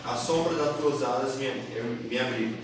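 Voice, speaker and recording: A man in the congregation reads a psalm aloud, halting as he goes. He is far from the mic in a strongly echoing church, with the other people there clearly audible around him. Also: medium pitch, crowd noise. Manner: halting reading. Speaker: congregant reading scripture aloud. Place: church hall.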